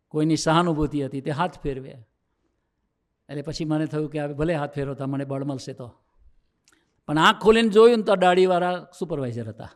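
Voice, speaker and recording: A man, a monk, giving a talk to a youth assembly as a personal story, acting out the dialogue and lifting his voice to drive points home. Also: on the high side. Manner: lively storyteller who acts out quoted dialogue and rises for emphasis. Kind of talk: sermon told as a personal story.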